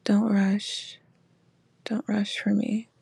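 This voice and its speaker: A woman in a whispered role-play as a teasing, affectionate lover, speaking softly and breathily right in the listener's ear. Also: medium pitch, little pitch movement, very slow, creaky, slightly rough, dry recording. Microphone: very close, dry microphone.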